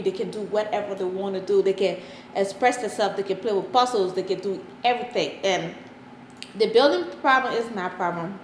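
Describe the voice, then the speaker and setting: A woman's voice: mid-range voice, reverberant, a little hiss or hum, low-quality recording. A woman from Liberia with a Liberian accent, talking earnestly as a parent in an interview and repeating points for emphasis. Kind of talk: casual interview answers.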